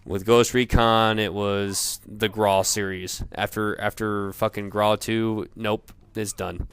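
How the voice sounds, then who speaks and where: A man in a profane off-the-cuff gamer rant, sounding drunk, rambling haltingly and repeating himself. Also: fairly low pitch, level tone, a bit bright, clear, resonant tone. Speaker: gamer ranting about video games.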